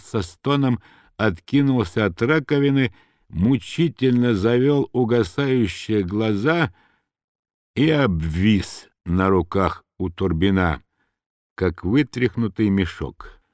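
A man narrating a novel as an audiobook in an expressive, dramatic reading. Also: on the low side, slow pace, no echo, studio quality.

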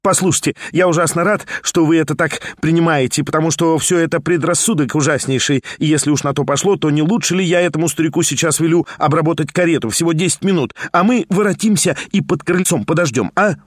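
A man reading a novel aloud and voicing a fussy, scheming young man who pleads and coaxes in a rapid, high patter. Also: no room sound, studio quality, natural voice. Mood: coaxing. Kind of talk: audiobook character reading.

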